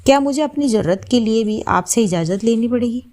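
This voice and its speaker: A woman's voice: on the high side, expressive, a little fast, darkish tone, natural voice. A woman voicing a young daughter-in-law who speaks politely and earnestly. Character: young daughter-in-law, quiet then firm.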